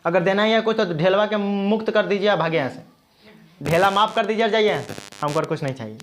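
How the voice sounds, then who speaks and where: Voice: medium pitch, quick pace, close to an everyday voice. A storyteller voicing a stingy, stubborn old miser, haggling and pleading in a village folk tale.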